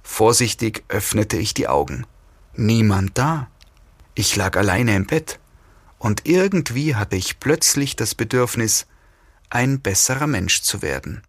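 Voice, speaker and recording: A man reading a first-person story aloud as an audiobook narrator, wry and even. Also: on the low side, a little slow.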